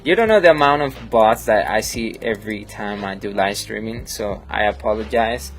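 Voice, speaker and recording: The recording is rough, and the man's voice is on the low side at a normal speed. Chatting casually on a live stream as he edits photos, this Colombian-accented native Spanish speaker rambles amiably, reads chat out loud and fills his talk with fillers.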